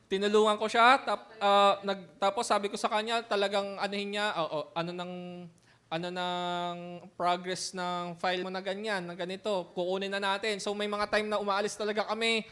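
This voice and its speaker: A pastor gives a sermon testimony, telling a personal story in a high-sitting, slightly bright, clear and resonant voice. He mixes in English words and laughs often as he talks.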